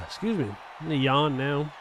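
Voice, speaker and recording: Man, live streamer, casual gaming chat, laid-back and chuckling, slightly high voice, faint game sounds behind. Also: animated, moderate pace, a bit bright, some chatter behind, a little hiss or hum.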